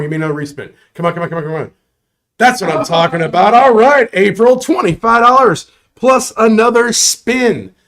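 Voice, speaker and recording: A man hosting a live bar prize giveaway show, jokey and upbeat, with chuckles and asides. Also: high-pitched.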